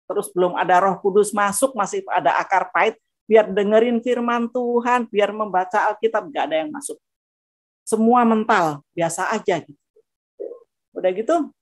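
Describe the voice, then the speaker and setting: A woman with a Javanese accent giving a personal testimony in a chatty, animated storytelling way. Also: medium pitch, no room sound. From Central Java, Indonesia. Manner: animated, acts out dialogue; chatty, frequent fillers.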